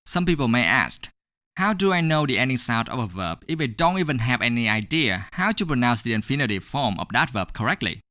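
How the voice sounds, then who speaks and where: A man teaching English pronunciation in a scripted online lesson, speaking slowly and deliberately and repeating each word for drilling. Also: medium pitch, sing-song, bright, forceful tone, dry recording, clean studio sound.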